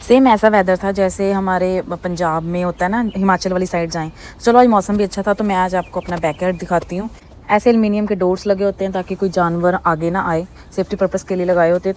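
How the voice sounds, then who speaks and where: A woman narrates her family's daily routine as a vlog voice-over. She speaks fast in a slightly low register, chatty and homely, with English words slipped in. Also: darkish tone. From India. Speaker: vlogger, mother of two.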